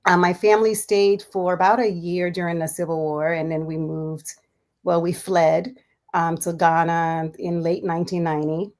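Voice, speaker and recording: Chatty woman from Liberia, lowish voice. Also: flat delivery, normal speed, a little mellow. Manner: chatty, laughs often, many fillers. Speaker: guest, physician. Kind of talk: casual interview storytelling.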